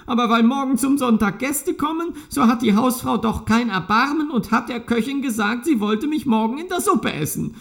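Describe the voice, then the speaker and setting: A man's voice: very high voice, creaky, voice pushed up, exaggerated voice. A man reading a fairy tale, voicing an old rooster who crows and talks agitatedly. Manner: crowing, agitated. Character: old male rooster, shrill and dramatic.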